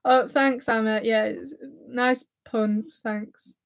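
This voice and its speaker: Her voice sits on the high side, slow and fairly even, with some vocal fry. She's a twenty-something YouTuber from near Blackpool whose accent mixes Lancashire and Scouse, nervously chatting and giggling on her livestream as she reads comments from viewers.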